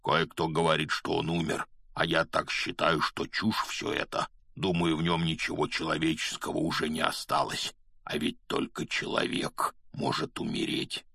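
A man performing a huge, gruff storybook gamekeeper. He speaks slowly in a breathy half-whisper, a little lower than the reader's own voice. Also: completely flat delivery, bright, forceful tone, no echo, clean studio sound, full character voice. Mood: ominous.

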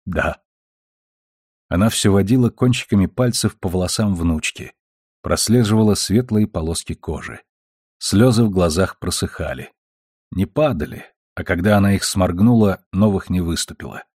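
A man narrating an audiobook in a calm, measured way. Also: sits low, dry recording, clean studio sound.

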